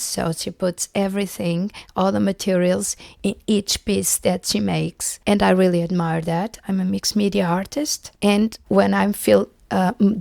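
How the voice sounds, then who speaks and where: A sick woman vlogs in a scratchy, breathy half-whisper, her lost voice full of gravelly fry. She chats on in an apologetic, halting way. The close mic sounds dry, with no room around her. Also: mid-range voice, a little mellow, no room sound. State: sick, voice mostly gone, whispering. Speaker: artist and illustrator vlogger. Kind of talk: casual vlog talk. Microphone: close mic, new to her.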